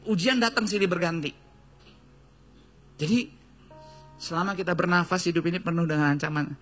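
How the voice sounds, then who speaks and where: A male pastor with a Jakarta Indonesian accent preaching a lively, joking sermon full of storytelling and acted-out quotes. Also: sits high, a little fast, faint music behind. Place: church stage.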